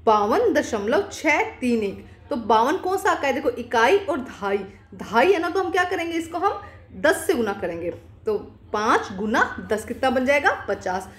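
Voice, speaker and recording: Teacher, woman from India, high voice, patient, talks pupils through each step. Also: very animated, normal speed. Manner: patient, asks questions and answers them herself. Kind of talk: explaining a maths worksheet.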